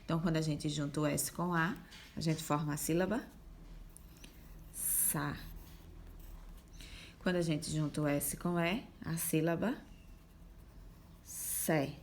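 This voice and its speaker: A woman's voice: sits low, a little hiss or hum. A woman teaching young children, explaining a worksheet patiently step by step and sounding out syllables. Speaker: primary school teacher.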